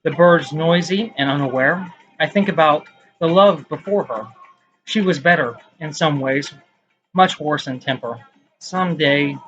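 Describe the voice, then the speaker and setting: A man's voice: on the high side, a bit bright, highs cut off. A man reading his own poems aloud in a casual vlog, with rambling, self-mocking asides between them.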